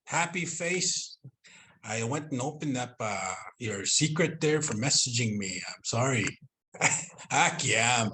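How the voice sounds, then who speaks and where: Man presenter with a Northern Cree accent, unhurried conversational teaching over a video call. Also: medium pitch, animated, pushed and bright, a little hiss or hum. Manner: conversational, drawn-out storytelling with repeated "you know". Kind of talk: online cultural presentation.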